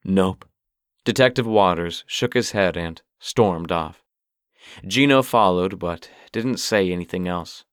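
A man narrating an audiobook in a steady, even reading. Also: deep voice, measured pace, clean tone, dry recording. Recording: dry close recording.

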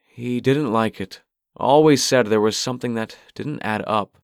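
A man voicing a guarded adult male police detective in an audiobook, in a measured, somber way. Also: mid-range voice, smooth, no room sound, voice pushed up, lightly acted. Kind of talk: audiobook character voice. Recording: dry close recording.

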